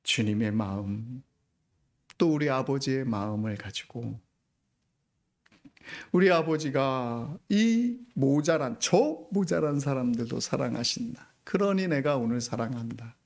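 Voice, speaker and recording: A middle-aged pastor preaches a sermon at a medium pitch, animated but a little slow. He moves from hushed, nearly whispered lines to loud, pleading rhetorical questions.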